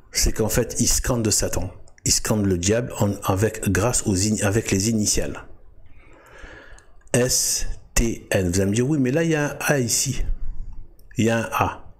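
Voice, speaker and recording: Low husky man, halting talk. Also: darkish tone. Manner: halting, full of restarts and fillers. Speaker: video host. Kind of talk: casual explanatory monologue.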